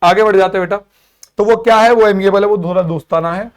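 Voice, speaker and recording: A young man with a fairly high voice teaches an exam-prep lesson. He mixes Hindi with English and slips into acted-out character voices to keep the class engaged. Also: fairly even intonation, fast. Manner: explains in Hindi mixed with English, acts out characters.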